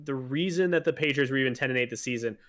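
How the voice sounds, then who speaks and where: A man's voice: mid-range voice, fast, fairly bright tone. Man, podcast co-host, casual sports chat, rambling, filler words, enthusiastic. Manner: rambling, lots of fillers and restarts; enthusiastic fan talk.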